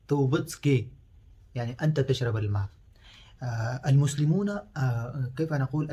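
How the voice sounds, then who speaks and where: A man whose first language is Pashto, teaching words in a casual lesson, repeating each word slowly with many hesitant fillers. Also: mid-range voice, warm tone, breathy edge.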